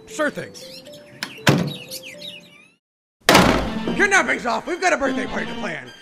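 A woman playing a male monster king in a fan audio drama, bossy yet awkwardly tender, blustering and sometimes halting shyly. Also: fairly high pitch, huge pitch swings, creaky, over loud music, full character voice. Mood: excited. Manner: blustering, halting when shy.

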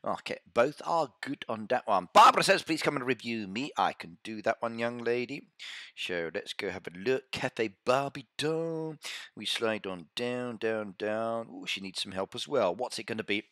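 A middle-aged man from Britain with a British English accent speaks at medium pitch and normal speed, expressive and a bit bright, in studio-quality audio with no room sound. Streaming a mobile game live through a headset mic, he gives casual, chatty commentary, reading viewers' messages aloud and answering them.

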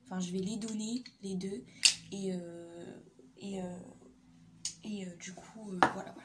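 A woman's voice: medium pitch, steady tone, measured pace. Hesitant young woman, noisy recording. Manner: hesitant, many fillers and repeats. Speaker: beauty vlogger. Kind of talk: casual nail polish review.

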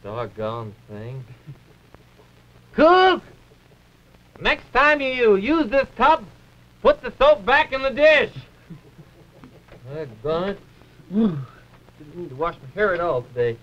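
A man's voice: high voice, huge pitch swings, slow, long pauses, a bit bright, exaggerated voice. A man voicing a fussy, bossy male dragon puppet on a 1950s live TV puppet show, fretting and sighing as he orders others about. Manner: fussy, fretful, bossy, full of oohs and sighs. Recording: dull early-1950s TV audio.

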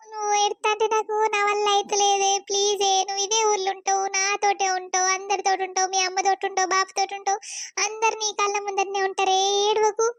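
A woman's voice: very high-pitched, no echo. A woman voicing a comforting young best friend in a cartoon, with a Telangana accent and an affectionate manner. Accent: Telangana Telugu. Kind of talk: cartoon voice acting.

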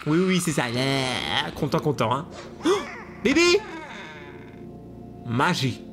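A man commentating a video game to his viewers, excitable and laughing often, with hiccups. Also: mid-range voice, a little slow. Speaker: gaming YouTuber. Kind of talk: let's play commentary.

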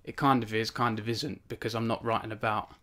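Speaking fairly quickly in a lowish, slightly bright voice with a level tone, a young author runs a casual launch stream for his book from his cabin. He rambles, uses lots of fillers and often puts himself down.

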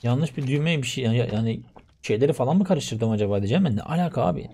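A young man commentating his own gameplay, shouting in exasperation at losses and muttering to himself in quieter stretches. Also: medium pitch, animated, fast talker, breathy edge. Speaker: gaming YouTuber.

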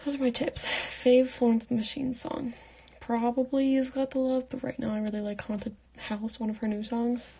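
A late-teen woman from Pittsburgh, United States, hosts a livestream at night in her bedroom, answering fan comments in a casual Q&A with her phone held at arm's length. Her soft, half-whispered voice is breathy and mellow, gravelly at phrase ends, on the high side with little pitch movement. She speaks at normal speed.

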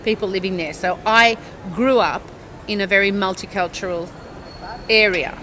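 Woman, 60s, Australian accent, bright and chatty, rambling storyteller. Lapel mic, outdoor square, faint traffic. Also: medium pitch, moderate pace, low-quality recording. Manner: rambling, self-correcting, checks in with the listener. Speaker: university English teacher. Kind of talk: casual interview, long storytelling answers. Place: outdoor cafe table on a town square.

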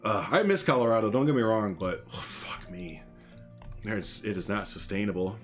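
This thirty-something streamer from Northern Illinois speaks on the low side at a normal pace, with a slight Chicago accent and faint music behind him. Wearing a headset in a small room at home, he plays a building game while rambling and joking casually with viewers.

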